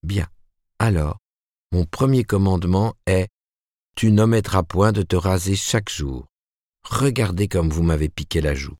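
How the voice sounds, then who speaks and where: A man reading aloud, voicing a gentle young woman who speaks in a soft, coaxing, earnest way. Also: low voice, unhurried, no room sound, studio quality.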